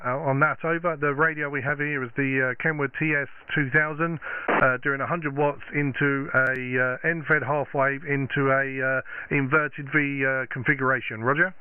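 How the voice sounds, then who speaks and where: Halting man in tinny radio static. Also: medium pitch. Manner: halting, hesitant, apologetic. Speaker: amateur radio operator. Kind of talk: procedural ham radio calling and chat. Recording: tinny narrow sound, clear radio static.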